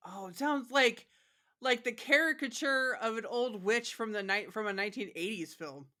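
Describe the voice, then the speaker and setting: This podcast host from Michigan has a fairly high, bright voice with a clear, forward quality. In a casual chat with her co-host, she talks openly, laughs often, and peppers pauses with "um" and "like."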